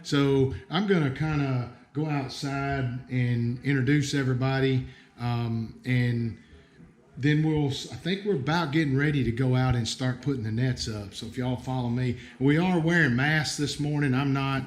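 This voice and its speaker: Speaking with an Appalachian hillbilly accent, a man hosting a livestream casually explains things to viewers in a folksy, somewhat hesitant manner. His voice is medium-pitched at a moderate pace.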